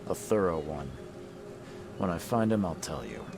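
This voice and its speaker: An actor playing a terse, guarded private detective in a noir video game, with a dry, measured, low-key delivery. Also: male voice, big pitch swings, creaky, over music, exaggerated voice. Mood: sombre, guarded. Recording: noisy ambience behind voice.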